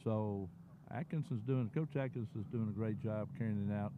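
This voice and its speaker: A man's voice: on the low side, normal speed. An older man co-hosting a local sports broadcast in an easygoing, chatty way. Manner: easygoing, reminiscing. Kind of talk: casual sports broadcast chat. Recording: tinny phone-like audio with faint noise.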